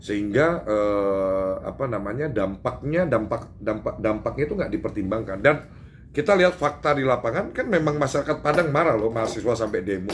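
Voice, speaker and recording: A man from Indonesia giving an animated, emphatic statement to reporters, full of fillers and restarts. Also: mid-range voice, a little hiss or hum. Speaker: public figure giving a press statement. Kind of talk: doorstop interview with reporters.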